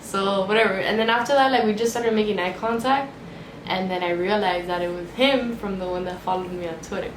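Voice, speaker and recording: A young woman from Miami talks casually to camera, her phrases strung together with frequent "like"s. Her voice sits at an ordinary pitch for a woman. The room is echoey and there is clear noise behind her. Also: brisk. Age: 20s. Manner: chatty, uses "like" a lot. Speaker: vlogger.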